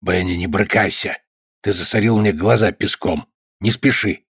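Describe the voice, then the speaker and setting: A man voicing a middle-aged farmer father who speaks in a low, grumbling, gruff way. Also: normal speed, darkish tone, no room sound, clean studio sound.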